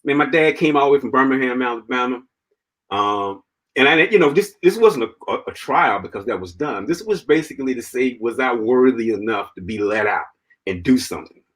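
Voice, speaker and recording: A man as an interview guest, telling his own story in an animated way, laughing often and filling his talk with "man" and "you know.". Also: mid-range voice, a little fast, low-quality recording. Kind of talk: personal storytelling in conversation.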